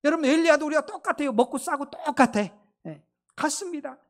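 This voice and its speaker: High-voiced, fervent woman preaching. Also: expressive, fast talker. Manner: fervent, with repeated blessings and hallelujahs; sweeping rises and drops in pitch and loudness. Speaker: pastor. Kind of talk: sermon.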